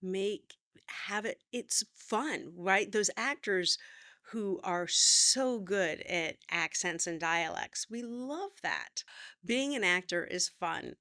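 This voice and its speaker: A woman's voice: medium pitch, expressive, slow pace, sharp tone, no echo, clean studio sound. A middle-aged woman teaching acting, chatty and encouraging as she talks to the camera. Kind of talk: talking-to-camera acting lesson.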